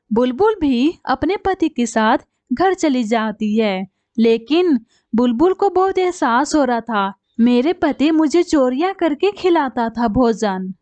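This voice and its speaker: A woman's voice: sits high, darkish tone, no echo. A woman narrating a cartoon story in a plain, explanatory manner.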